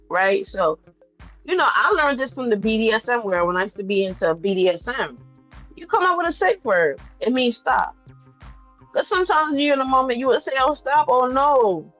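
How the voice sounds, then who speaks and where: Woman on a livestream, mid pitch, blunt n sweary, repeats herself, music behind her. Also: fairly bright tone, no room sound, highs cut off. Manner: blunt, profane, repeats phrases for emphasis. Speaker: livestream host. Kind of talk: casual, candid livestream chat to viewers.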